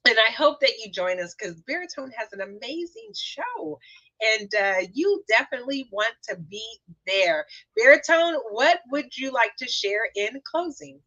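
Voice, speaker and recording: Bright-voiced woman hosting a live stream. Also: fairly high pitch, big pitch swings, moderate pace, dry recording, muffled recording. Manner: upbeat, promotional, warm thanks to guests. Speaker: host and founder of the show. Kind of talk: livestream talk show hosting.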